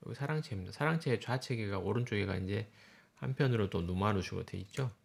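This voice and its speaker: A male professor lecturing to a class. His voice is low and gravelly, with a creaky edge. He walks through slides in short explanatory phrases, pointing things out as he goes. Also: fast talker. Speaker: university professor.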